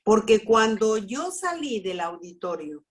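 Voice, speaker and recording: Animated woman sharing a testimony. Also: fairly high pitch, unhurried. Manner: animated storytelling, acts out dialogue. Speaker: speaker at a church family school. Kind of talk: personal testimony.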